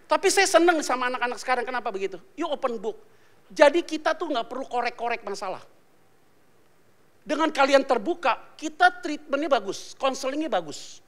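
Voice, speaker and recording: A male pastor delivers a loose, humorous sermon in street slang. His voice sits high and sounds sharp and bright. He drops into hushed asides, then bursts out in loud exclamations. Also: animated, fairly quick. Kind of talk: casual, joking sermon.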